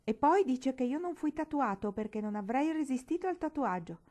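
A proud young boy grumbles about his grievances in an aggrieved, complaining tone, as a woman reading a storybook puts him on. The voice stays mellow and soft-edged. He sounds hurt and indignant. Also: high voice, expressive, normal speed, voice pushed up.

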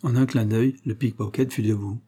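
Man, audiobook narrator, husky voice, mellow dark tone, steady measured reading. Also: mid-range voice.

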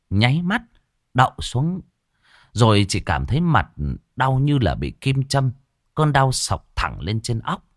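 Guy telling a ghost story, voice jumps around a lot, dry close sound, soft music behind. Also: medium pitch, dry recording. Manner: vivid, animated storytelling. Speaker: narrator.

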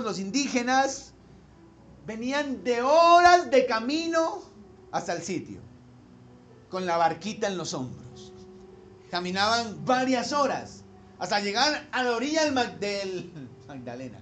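Male pastor, high tenor, emphatic sermon delivery, faint noise floor. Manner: animated preaching, rising to loud emphatic peaks, asks the congregation questions.

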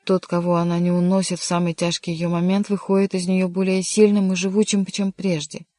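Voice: medium pitch, little pitch movement, fairly quick, warm tone, dry recording, studio quality, lightly acted. A reader voicing a lovesick, despairing young count in an audiobook, speaking in an impassioned, pleading way. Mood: hopeful. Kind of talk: audiobook reading.

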